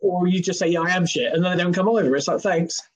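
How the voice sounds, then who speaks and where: A high-pitched man talks at a quick clip. He's in his thirties, a singer and comedian appearing as a podcast guest, and he chats casually in a rambling, jokey, self-deprecating way.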